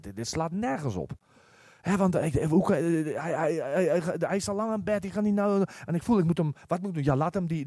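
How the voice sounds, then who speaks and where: Man, preaching, animated pitch, dry close sound, stumbles and restarts. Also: dry recording. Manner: lively, halting, many restarts and stammers. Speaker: pastor. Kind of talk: sermon with personal stories.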